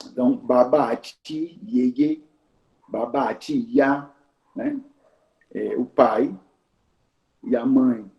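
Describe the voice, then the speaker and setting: A man with a Brazilian Portuguese accent teaching in a conversational lecture, explaining slowly and repeating key words, often adding "né?". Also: medium pitch, animated, gravelly. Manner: slow, explanatory, repeats and spells out words, frequent "né?". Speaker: Yoruba culture teacher and Awo Olorixá. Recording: dull roomy recording.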